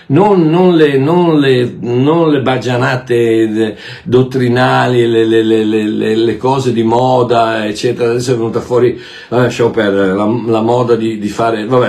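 Emphatic man preaching a sermon. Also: lowish voice. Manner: emphatic, with rhetorical questions; swings between loud bursts and quiet asides.

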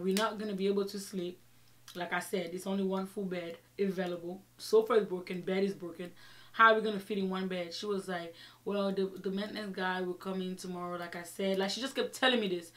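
A young adult woman vlogger giving an animated, exasperated storytime rant, speaking emphatically and acting out quoted exchanges as she retells them. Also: medium pitch. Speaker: vlogger telling her own story. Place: small indoor room with shelves, seated before the camera.

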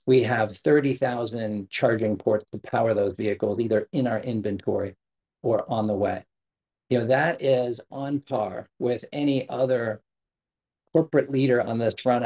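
Speaking over a video call via a desk webcam, a middle-aged man who is a government sustainability official gives a prepared keynote. He sounds earnest, with a fairly low, warm voice and lo-fi sound, often using fillers and correcting himself.

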